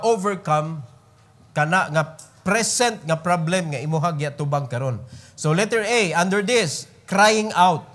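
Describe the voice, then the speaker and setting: A Cebuano-accented man preaches at a prayer meeting. His voice sits high and carries an emphatic pulpit push. He keeps turning to the room with a questioning amen. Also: a bit bright. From Philippines. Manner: emphatic, often calls out "brethren" and asks "Amen?".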